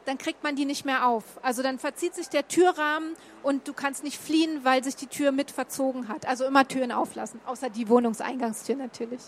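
A woman's voice: high voice, fairly even intonation, brisk, few pauses, slight background noise. A woman from Berlin chatting casually as she shows slides, with many fillers and restarts. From Berlin, Germany. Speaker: guest telling of a stay in Japan. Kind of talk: casual talk showing slides.

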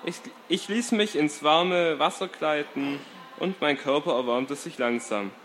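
A man narrates a first-person tale aloud in a calm, steady reading voice. His pitch sits a little high, and a faint hiss runs underneath the recording. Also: a little slow. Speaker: storyteller.

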